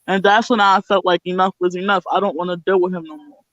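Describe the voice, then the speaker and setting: A woman's voice: lowish voice, steady tone, fast, a bit bright, dry recording, highs cut off. A young woman guest telling her own story bluntly and candidly, swearing freely. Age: young adult. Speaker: interview guest.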